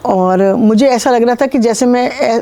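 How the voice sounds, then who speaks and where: A woman from Pakistan, a spiritual healer, calmly recounting her own experiences in an interview with measured pauses. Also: a little high, a little hiss or hum. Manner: calm, measured storytelling with frequent pauses.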